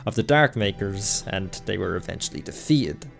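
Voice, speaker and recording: A man with an Irish accent, a guest co-host reading theory lines in a monotone, dry-humoured way. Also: sits low, normal speed, creaky, faint music behind. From Ireland.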